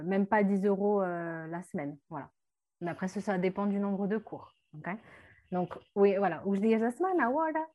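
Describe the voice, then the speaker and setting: Woman teacher chatting through a vocab list, lots of ums, mid pitch voice. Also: darkish tone. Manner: chatty, many hesitations, mixes in foreign words. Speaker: language teacher. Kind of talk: explaining vocabulary on a radio show.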